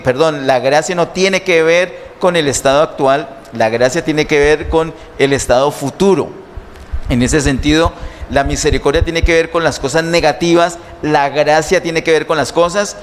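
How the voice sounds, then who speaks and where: A male pastor preaching slowly and emphatically, asking the congregation rhetorical questions. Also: a little high. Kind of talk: sermon. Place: church sanctuary. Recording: long church reverb, faint noise.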